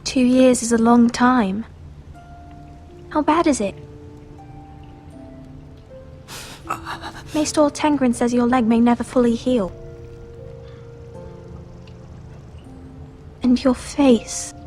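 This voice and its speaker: A woman's voice: a little high, measured pace, a little mellow, faint music behind, close to an everyday voice. A woman playing an earnest, worried young noble sister in a dramatic fantasy video game. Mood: concerned. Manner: earnest, serious.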